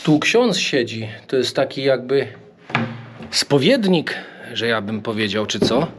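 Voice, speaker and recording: A man's voice: mid-range voice, very animated, a little slow, noisy background. A young man casually vlogging a pilgrimage walk, chatting and joking with viewers as he wanders outdoors and through a small church. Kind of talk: casual vlog talk to camera.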